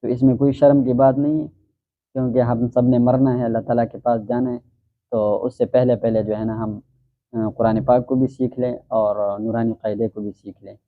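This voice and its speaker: A man teaching the correct recitation of prayer, explaining calmly and then reciting phrases slowly and drawn out. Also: medium pitch. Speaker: Quran teacher. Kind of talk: religious lesson on prayer recitation. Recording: tinny phone-like sound.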